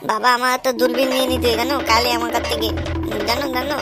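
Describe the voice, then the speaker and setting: Crybaby cartoon kid, voiced by a woman, whining, tearful, high and fast, music behind. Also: little pitch movement, lightly acted. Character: whiny crybaby little boy, easily upset. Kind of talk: comedy cartoon voice acting. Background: cartoon background music.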